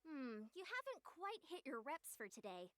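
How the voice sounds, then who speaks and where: A woman's voice: high-pitched, big pitch swings, moderate pace, fairly bright tone, no echo. An actress voicing a petite, upbeat young woman who is a fitness enthusiast in a game, speaking in an encouraging, coach-like way. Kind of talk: game character voice lines.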